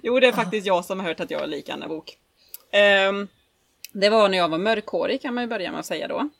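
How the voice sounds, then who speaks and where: A woman's voice: medium pitch, gravelly, dry recording. Giggly woman podcaster, dry sound. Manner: giggly, laughs often while telling stories. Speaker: podcast co-host. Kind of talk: casual chat.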